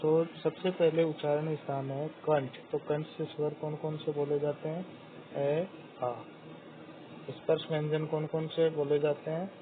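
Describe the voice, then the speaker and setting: A man teaching a grammar lesson, slowly and deliberately sounding out each letter one by one. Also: a little high, flat delivery. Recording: tinny phone-like audio with faint hiss.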